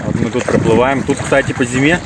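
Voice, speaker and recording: A man's voice: medium pitch, steady tone, fairly quick. A man giving casual, slangy vlog commentary from a fishing trip, outdoors on the water, with wind on the mic. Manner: informal, slangy. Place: outdoors on the water in a small boat.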